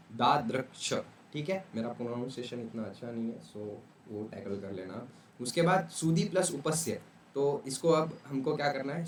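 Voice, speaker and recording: A man's voice: a little high, echoey room, recorded from a distance, a little hiss or hum. A man whose first language is Urdu, giving a casual exam revision lecture and often checking in with "okay". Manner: casual, repeats "ठीक है" often. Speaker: tutor.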